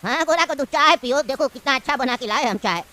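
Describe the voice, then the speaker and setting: A woman voicing a scheming old uncle in a cartoon, coaxing and evasive, over loud background noise. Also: high voice, lively intonation, fast talker. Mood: sly. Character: scheming old male uncle, tea-maker.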